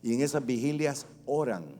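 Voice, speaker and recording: A middle-aged man preaching as a pastor, animated, asking rhetorical questions and swinging sharply between loud and soft. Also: mid-range voice, normal speed, soft background music. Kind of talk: sermon. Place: church. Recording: long reverb of a church hall.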